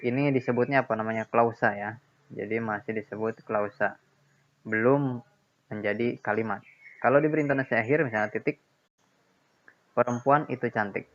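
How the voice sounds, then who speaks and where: A gravelly, lowish male voice teaches a grammar lesson, explaining with patience and going back over key points with checks such as "ya" and "nah". The recording sounds dull and lo-fi.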